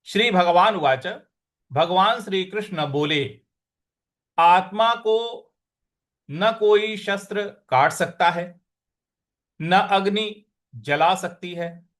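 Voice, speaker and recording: A man teaching a scripture lesson, reciting verses in a slow chanting tone and then explaining pronunciation and meaning. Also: high-pitched, fairly bright tone.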